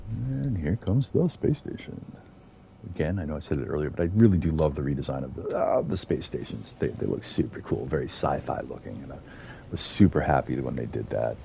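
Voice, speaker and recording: Brief: middle-aged male game streamer, very low gravelly voice, dark and husky, relaxed rambling commentary. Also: brisk, slight background noise. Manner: chatty, rambling, with fillers and chuckles. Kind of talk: casual gameplay commentary.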